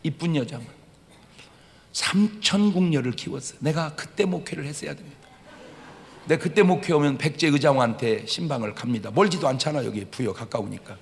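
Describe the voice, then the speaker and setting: In a reverberant church hall, a middle-aged Chungcheong-born pastor with a Chungcheong Korean accent gives a humorous Sunday sermon, playing out dialogue in regional dialects through lively storytelling. He speaks a little fast in a gravelly voice that sits on the high side.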